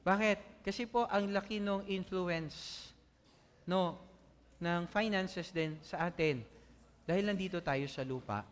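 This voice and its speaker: A man's voice: high voice, a little slow. A man preaching a sermon to his congregation, mixing Tagalog with English, often laughing and asking "Amen?". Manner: animated, asks the congregation "Amen?"; laughs often while telling jokes. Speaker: pastor. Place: church hall before a congregation. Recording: long church hall reverb.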